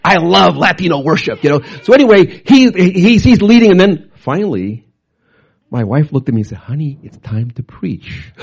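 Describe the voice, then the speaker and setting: A middle-aged man, a pastor telling stories in an excitable, animated sermon. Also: slightly rough. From Canada. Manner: animated, excitable, jumps up and down in pitch. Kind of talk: storytelling sermon.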